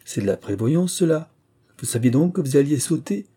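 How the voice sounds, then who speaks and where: A man voicing a spirited young woman, talking quick and emphatic in a raised voice. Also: on the high side, animated, warm tone, breathy edge, pitched above the performer's own voice. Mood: insistent.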